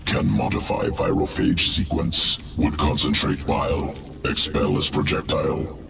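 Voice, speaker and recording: An actor playing a cold, calculating insect alien scientist in a video game, guttural and gravelly, in clipped phrases with small words dropped. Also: male voice, extremely low pitch, fairly even intonation, unhurried, fairly bright tone, roomy sound, far from the mic, exaggerated voice. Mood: cold, analytical.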